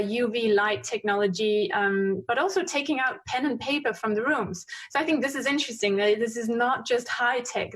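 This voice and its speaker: A woman giving a conference presentation with slides, talking quickly with frequent fillers and self-corrections. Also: on the high side, a bit bright. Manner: fast-paced with frequent fillers and restarts. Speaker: conference speaker. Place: conference stream.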